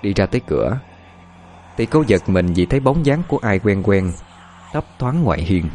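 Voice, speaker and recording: Deep-voiced man narrating horror. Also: sing-song, moderate pace, a little mellow, a little hiss or hum.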